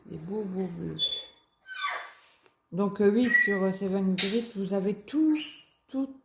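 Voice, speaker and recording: A woman's voice: mid-range voice, slow, vocal fry. A woman casually chatting while she cross-stitches at home, telling rambling stories full of fillers. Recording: echoey room with loud background noise.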